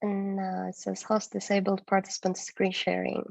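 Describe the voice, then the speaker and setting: A woman's voice: medium pitch, completely flat delivery, normal speed, creaky, a little mellow, dry recording. A woman from Turkey presenting her business on a video call, hesitant with many fillers. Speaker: guest speaker, agency founder. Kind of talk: online presentation with slides. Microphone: video call microphone. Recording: dull dry video call audio.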